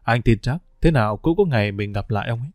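A man voicing a calm, cautious middle-aged husband who speaks steadily and reassuringly. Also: mid-range voice, fast, dry recording, studio quality, lightly acted.

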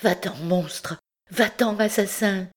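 A woman's voice: mid-range voice, animated, slow pace, darkish tone, voice pushed up. A woman reading an audiobook, voicing a terrified young woman who cries out desperately against her attacker. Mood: furious.

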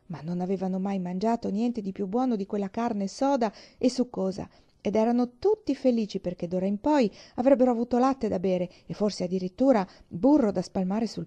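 A woman reading a children's novel aloud in a gentle, expressive way. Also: medium pitch, muffled recording. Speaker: audiobook reader.

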